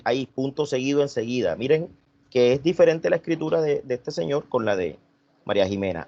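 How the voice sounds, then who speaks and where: A man's voice: medium pitch, a little mellow, no room sound. Teacher man, dull dry recording. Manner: repeats and restarts, asks class questions. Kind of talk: online class discussion.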